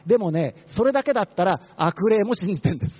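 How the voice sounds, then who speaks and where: A male pastor preaching a sermon, talking fast and putting questions to the congregation. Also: high-pitched, animated, slightly rough. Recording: dull lo-fi sermon recording.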